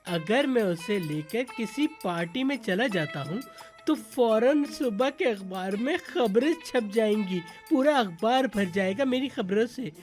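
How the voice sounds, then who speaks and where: A woman's voice: fairly high pitch, lively intonation, unhurried, darkish tone, faint music behind. A wailing, melodramatic young man. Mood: fretful. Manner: theatrical wailing and sobbing. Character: fussy melodramatic young man, gossip-loving friend. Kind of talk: Hindi dub of a TV drama.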